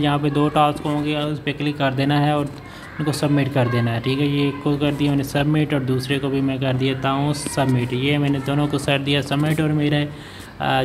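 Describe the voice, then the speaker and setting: A channel host with a somewhat high voice walks through an app on his phone in a voice-over for a screen recording. His delivery is flat, with a faint hiss in the background, and he explains step by step with many fillers and self-corrections.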